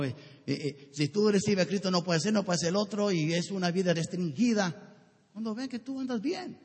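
A man preaching a sermon as pastor, talking to his congregation in a lively, joking, direct way. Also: sits high, husky. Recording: echoey hall.

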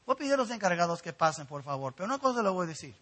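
High-pitched lively husky preacher man. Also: very fast. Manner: preaching with rising emphasis and direct appeals to the congregation. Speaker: pastor. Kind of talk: sermon.

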